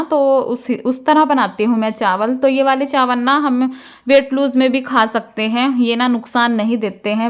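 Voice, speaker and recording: A woman from India in her thirties, chatting casually to viewers in a home vlog, sprinkling her talk with little fillers. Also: fairly high pitch. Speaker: home vlogger.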